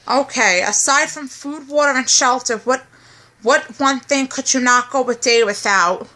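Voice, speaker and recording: A woman's voice: high-pitched, measured pace, pushed and bright. A woman in her twenties chatting casually, reading out questions and answering them. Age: 20s. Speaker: co-host. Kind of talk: casual chat.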